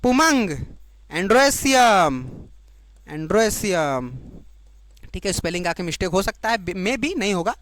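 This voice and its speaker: A woman teaching biology to exam students, repeating each key term slowly and checking that the class follows. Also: mid-range voice, expressive, no echo. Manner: explains in Hindi, giving the English term for each.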